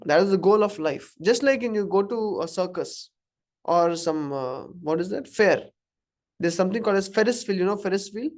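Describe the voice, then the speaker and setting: A man from Karnataka with an Indian accent, giving an informal scripture class to a live audience and often asking them questions. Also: high-pitched. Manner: conversational, asks the audience questions, chuckles at own examples. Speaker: spiritual teacher.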